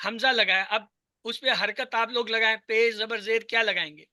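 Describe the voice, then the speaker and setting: A man's voice: high-pitched, steady tone, bright, forceful tone, no room sound. A man teaching an online class, patiently drilling word tables, asking questions and repeating answers. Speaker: Arabic teacher. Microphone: video call.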